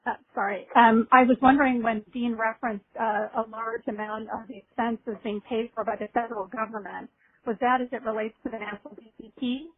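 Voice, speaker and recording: A woman's voice: a little high, fairly even intonation, a little fast. Woman on a breaking-up phone line. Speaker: conference call participant. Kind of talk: conference call question. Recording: tinny broken-up phone line, distant.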